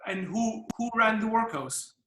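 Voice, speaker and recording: Male co-host, casual chat, raised pitch, roomy echoing recording. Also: lively intonation, a little slow, sharp tone. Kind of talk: casual chat, addressing viewers.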